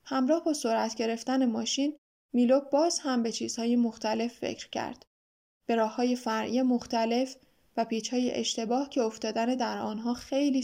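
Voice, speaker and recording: Woman, storyteller, audiobook narration, high voice, calm even reading. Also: creaky.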